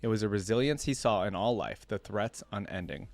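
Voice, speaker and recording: Hosting a game lore reaction video, a man reads text aloud and throws in informal remarks, often checking in with tags like "right?" and "yeah?". His voice is on the low side and brisk, recorded with no echo.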